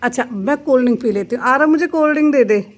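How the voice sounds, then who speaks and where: A woman's voice: sits high, fast. Chatty young mother vlogging at home. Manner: chatty, coaxing children in a sing-song tone. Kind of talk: casual home vlog chat. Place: outdoors at home in the rain.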